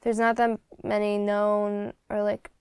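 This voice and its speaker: A woman's voice: mid-range voice, completely flat delivery, unhurried, a little mellow, clean tone, dry recording, studio quality. A Slovak woman in her twenties, a singer chatting as a guest in an interview, blunt and talkative with lots of fillers. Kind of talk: casual interview chat.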